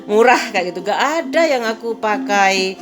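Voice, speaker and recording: A woman's voice: medium pitch, lively intonation, moderate pace, music in the background. A woman, chatting casually in a daily home vlog and telling stories. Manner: chatty storytelling, frequent "kayak gitu" and laughter. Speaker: vlogger.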